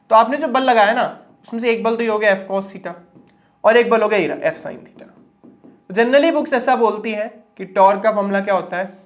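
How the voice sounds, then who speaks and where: Male physics teacher, high-pitched, conversational, repeats key words, young adult. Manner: conversational, asks and answers his own questions. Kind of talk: whiteboard physics lesson.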